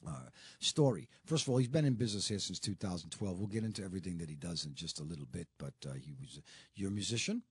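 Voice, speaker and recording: A low-voiced, husky man hosts a local talk radio show. He chats loosely with his guest, throwing in jokes and rambling asides. The studio sound is close and dry. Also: expressive, fast, dry recording. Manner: chatty, joking, rambling asides.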